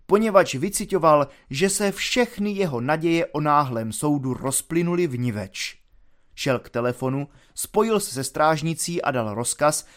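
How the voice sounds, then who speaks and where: A man narrating a classic novel in a steady, measured storytelling voice. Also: on the high side. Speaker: audiobook reader. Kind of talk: literary narration.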